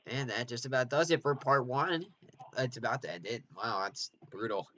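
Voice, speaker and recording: A man's voice: medium pitch, moderate pace, sharp tone. A man talking through his own film as director, in a rambling, self-correcting way with chuckling asides. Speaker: film director giving commentary. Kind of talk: casual director's commentary. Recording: dull lo-fi recording with faint hiss.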